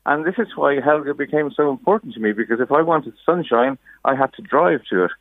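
A man's voice: mid-range voice, animated, a little fast, dry recording. An Irish man in his sixties telling a casual anecdote in a chatty, folksy way as a radio guest. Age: 60s. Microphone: phone call. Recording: narrow-band phone line on radio.

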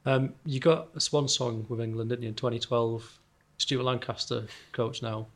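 Man, interviewer, gravelly voice, flat delivery, leading questions. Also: mid-range voice, moderate pace.

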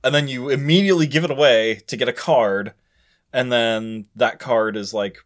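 A man's voice: mid-range voice, normal speed. A man co-hosting a podcast, chatting casually and explaining things in a conversational way. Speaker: podcast co-host.

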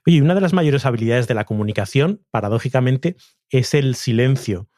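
A man's voice: mid-range voice, animated, brisk, a little mellow, dry recording, clean studio sound. Male interviewer asking conversational questions. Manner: conversational, asks follow-up questions.

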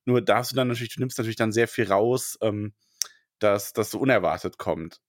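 A man's voice: fairly low pitch, brisk, dry recording, studio quality. A man in casual podcast chat, hesitant, with many fillers and restarts. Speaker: podcast co-host discussing a book.

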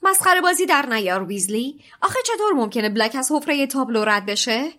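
A woman's voice: high-pitched, expressive, bright, forceful tone, voice pushed up. A woman voicing a stern older woman teacher in an audiobook reading, scolding and stammering when shaken.

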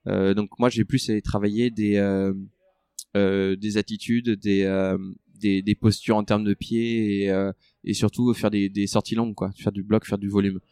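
A man's voice: on the low side, level tone, moderate pace, mellow, smooth, no echo. Hesitant man, dry close sound. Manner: hesitant, many fillers and restarts. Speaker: ultra-trail runner guest. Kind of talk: conversational interview.

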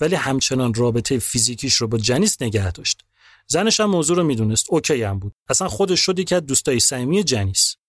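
A man narrating a podcast story in a casual, lively, colloquial way. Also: medium pitch, no echo, studio quality.

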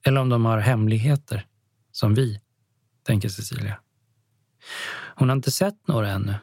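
A man narrating an audiobook story in a calm storytelling manner, close to the mic. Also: on the low side, creaky, no echo. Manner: calm storytelling, voices each character.

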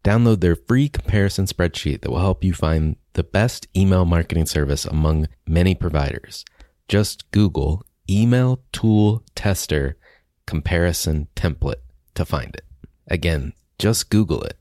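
Deep-voiced male podcast host, smooth practiced reads, dry close mic. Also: animated, normal speed, a little mellow, no echo.

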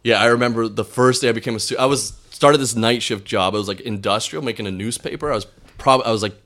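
A man's voice: medium pitch, quick pace, fairly bright tone. A young man, a comedian, telling stories in casual podcast chat, laughing often and acting out the people he quotes. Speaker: comedian guest.

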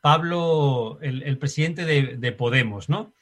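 Husky Spanish man musing in interview. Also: mid-range voice, slow, a bit bright. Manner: reflective, uses filler tags like "¿no?". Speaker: guest. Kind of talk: conversational interview.

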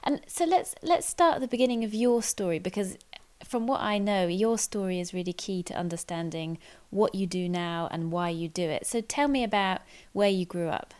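A woman's voice: medium pitch, moderate pace, darkish tone. A woman, hosting a podcast with scripted narration and interview questions. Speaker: podcast host.

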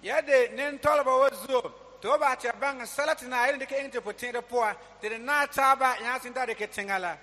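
A man's voice: very high voice, fairly quick, bright, forceful tone. A man interpreting a sermon line by line, echoing each sentence in a rhythmic delivery. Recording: large hall with long reverb.

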